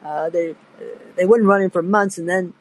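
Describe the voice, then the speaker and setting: With a lowish voice, fairly even intonation and a moderate pace, an older woman hosting a podcast wanders through long anecdotes, chatting away and pausing to laugh. The recording is rough.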